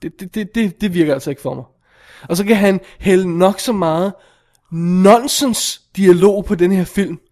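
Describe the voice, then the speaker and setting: Brief: male podcast host, high tenor, animated and exasperated film critic. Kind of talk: casual film review chat.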